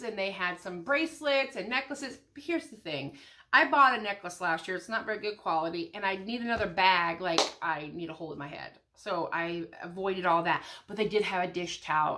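A middle-aged American woman vlogger chats casually and ramblingly through a shopping haul in a small room at home. She has a head cold that leaves her slightly congested, and her fairly high voice sounds pushed and bright.

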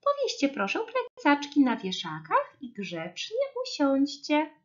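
A woman's voice: high voice, huge pitch swings, unhurried, muffled recording, pitched above the performer's own voice, heavily acted. Woman voicing a chirpy moose teacher. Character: cheerful female moose kindergarten teacher.

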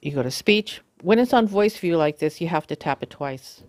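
A woman's voice: low-pitched, expressive, a little mellow, dry recording. Hesitant woman walking through a tutorial. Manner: halting, with many fillers and self-corrections. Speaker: video tutorial host. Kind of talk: casual how-to demonstration.

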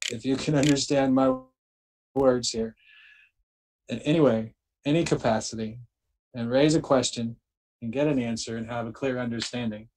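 A man's voice: medium pitch, steady tone, normal speed, pauses often, a little mellow, a little hiss or hum, low-quality recording. A man leading a spiritual group, instructing listeners and chanting incantations with emphasis, checking in with frequent "okay?".

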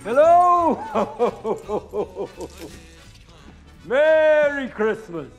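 An actor playing a brash, sentimental, fatherly American zombie survivor in a film comedy, middle-aged, loud and folksy. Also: a little high, animated, unhurried, faint music behind. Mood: jolly.

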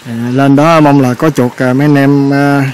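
A man's voice: mid-range voice, flat delivery, normal speed, darkish tone, clean tone. A man with a Southern Vietnamese accent hosting a casual outdoor cooking vlog, chatty and full of hesitation fillers. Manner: chatty, lots of hesitation fillers, laughs easily. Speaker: channel host.

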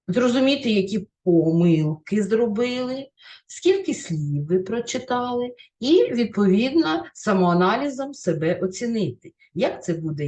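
Woman, Ukrainian accent, teacher, expressive read-aloud, very lively pitch, careful word stress. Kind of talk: reading aloud a story, then explaining a lesson.

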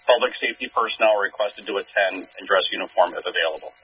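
Low-voiced man on dispatch radio. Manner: measured, steady reading. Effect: dispatch radio transmission. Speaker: fire dispatcher. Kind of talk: formal dispatch announcement. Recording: muffled scanner radio with faint hiss.

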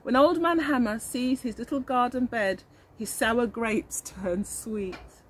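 Her voice is on the high side, slow and slightly rough, captured on a rough recording. She's a middle-aged woman in a leafy outdoor garden, reading aloud with feeling as a young children's teacher who addresses them directly and asks them questions.

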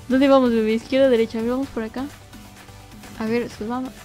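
A woman giving playful commentary on a game, excitable, squealing and shrieking at every fall. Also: on the high side, normal speed, soft background music. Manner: talks to the baby as she plays. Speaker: gaming youtuber.

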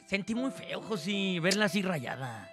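A man's voice: high-pitched, sing-song, normal speed, fairly bright tone, faint music behind. A man on a talk show, telling a story in a mock-heartbroken comic way.

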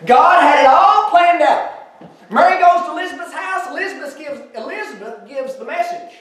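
High-voiced preacher, echoey church. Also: male voice, moderate pace, a little hiss or hum. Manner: animated, emphatic preaching with folksy asides. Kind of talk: sermon. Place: church sanctuary. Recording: echoey church, mic far off.

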